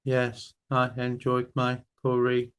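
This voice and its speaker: A man's voice: mid-range voice, completely flat delivery, takes it slowly, fairly bright tone, smooth. A man hosting a casual evening live stream, greeting viewers by name in a friendly way.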